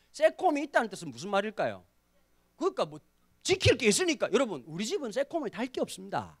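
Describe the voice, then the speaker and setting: A man preaching to a youth congregation, animated and full of rhetorical questions. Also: sits high. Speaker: pastor. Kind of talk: youth sermon. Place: church service.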